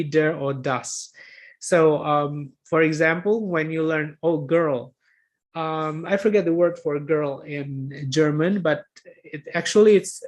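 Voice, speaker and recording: A man, a guest lecturer answering questions in an online talk, hesitant and full of fillers as he corrects himself. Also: on the high side. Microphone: video call.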